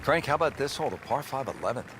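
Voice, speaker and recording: A man's voice: mid-range voice, animated, racing, background noise, natural voice. A man working as a lead golf commentator, calling play in short, polished lines. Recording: music and crowd behind. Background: music, loud crowd.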